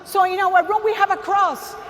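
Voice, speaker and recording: Woman, Costa Rican Spanish accent, very high voice, emphatic testimony, calls out to crowd, long hall reverb. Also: fairly even intonation, moderate pace, a bit bright, a little hiss or hum. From Costa Rica. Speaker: speaker giving a testimony. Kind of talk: faith testimony to a large audience. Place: large arena stage.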